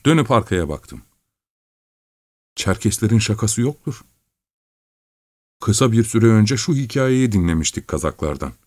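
A man reading a novel aloud as an audiobook narrator, in a measured, even storytelling manner on a close studio mic. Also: fairly low pitch, no room sound. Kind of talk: scripted narration.

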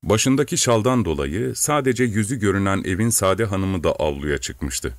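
Narrating an audiobook, a man reads in a deep, low voice at a steady, measured pace. The recording is close and dry, with no room sound.

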